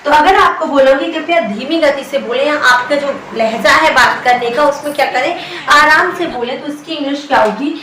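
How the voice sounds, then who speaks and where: A woman teaching a spoken English lesson, addressing viewers affectionately as children and repeating each phrase very slowly. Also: sits high, bright, forceful tone, a little hiss or hum. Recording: echoey room, heard from a distance.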